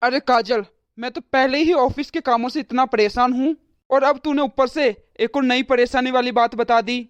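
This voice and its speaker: A woman's voice: high-pitched, fairly even intonation, moderate pace, no echo, close to an everyday voice. A woman voicing a young cartoon husband who is torn between his wife and his parents. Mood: placating. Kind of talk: cartoon voice acting.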